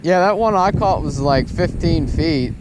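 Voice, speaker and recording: A man's voice: fairly high pitch, lively intonation, a little slow. A man talking casually as a fishing vlogger, his voice slightly muffled through a face mask, in an informal, folksy way. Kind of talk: casual fishing vlog talk to camera. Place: outdoors on a boat on a windy lake. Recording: loud wind and boat noise outdoors.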